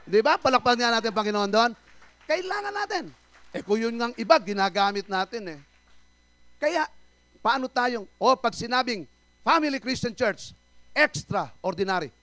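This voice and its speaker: Male pastor, church sermon, high voice, dry close sound, rhetorical questions to the congregation. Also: moderate pace, dry recording. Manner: animated preaching, quizzing the congregation with rhetorical questions; swings between loud calls and quiet asides. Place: church service.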